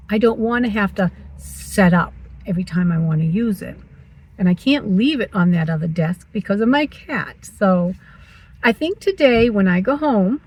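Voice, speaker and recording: A woman's voice: mid-range voice, a little mellow, breathy edge, low-quality recording. A woman in her sixties vlogging from her parked car, chatty and teasing herself as she talks. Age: 60s. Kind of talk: casual chatty vlog.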